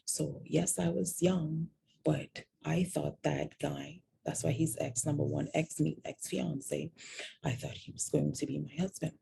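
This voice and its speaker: A woman's voice: low voice, fairly even intonation, a little slow, gravelly, warm tone, slight background noise. A woman candidly recounting a personal story, reflective and self-mocking.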